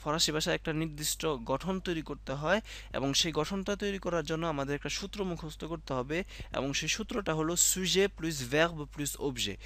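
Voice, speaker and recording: A man's voice: a little high, fairly quick, a bit bright. A man teaching French in a casual spoken lesson, explaining step by step and correcting himself often. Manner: explains step by step, repeats himself, many fillers and self-corrections.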